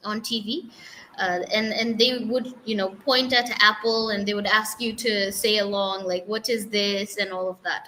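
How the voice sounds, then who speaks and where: A Bangladeshi woman who teaches English talks casually in an interview, switching between English and Bengali with lots of fillers and restarts. Her medium-pitched voice is very slow, bright, and forceful. The audio is poor, with slight background noise.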